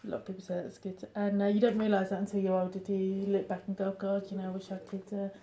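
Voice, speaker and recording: Brief: woman hosting an interview, mellow gravelly voice, encouraging and upbeat, echoey room. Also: medium pitch, completely flat delivery. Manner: upbeat, encouraging, quick responses.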